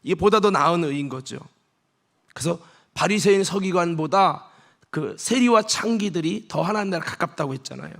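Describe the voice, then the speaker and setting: High-voiced man preaching forcefully. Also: lively intonation, normal speed, creaky. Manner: emphatic preaching, shouting and dropping to a whisper. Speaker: pastor. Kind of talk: sermon. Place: church sanctuary.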